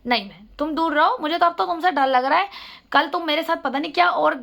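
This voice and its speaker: A woman's voice: high-pitched, brisk, gravelly, a bit bright. A middle-aged woman giving an emotional, scolding appeal straight to her sister in a personal vlog. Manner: scolding, pleading, preachy. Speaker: vlogger addressing her sister. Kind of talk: emotional direct-to-camera appeal.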